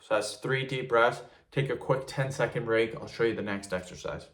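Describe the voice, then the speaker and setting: A man's voice: mid-range voice, fairly even intonation, moderate pace, a bit bright. A man hosting a tutorial, talking casually as he instructs viewers step by step through exercises. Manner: instructional, counting reps and cueing breaks.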